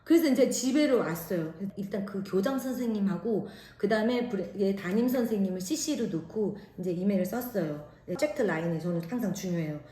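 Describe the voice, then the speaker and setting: Middle-aged Korean mom vlogger, loud voice, mid-pitched, echoey room. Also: female voice, brisk, few pauses. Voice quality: naturally loud voice. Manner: animated, acts out quoted lines. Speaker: vlogger, mother. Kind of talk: casual storytelling.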